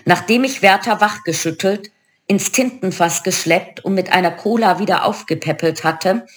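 A woman reading a first-person storybook aloud, lively and expressive. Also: medium pitch, normal speed. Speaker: audiobook narrator.

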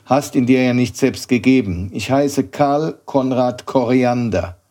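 A grumpy old bookseller in a storybook reading, growling and scolding in a raised, gruff voice, as a male narrator puts him on. He questions and needles, brusque and unimpressed. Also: mid-range voice, unhurried, warm tone, pitched above the performer's own voice, close to an everyday voice. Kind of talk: audiobook reading.

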